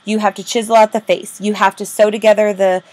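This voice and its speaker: A woman teacher, giving a recorded lecture, asking the class questions and then answering them herself, slowing down on key terms. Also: mid-range voice, flat delivery, a little mellow, no room sound. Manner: slows down to stress key terms. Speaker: history teacher.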